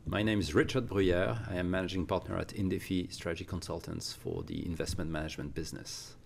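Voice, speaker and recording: A man's voice: deep voice, steady tone, quick pace, gravelly, slight background noise. A man interviewing a guest, speaking with many fillers and restarts in a studio. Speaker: interviewer, consultant. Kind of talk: conversational interview. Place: recording studio.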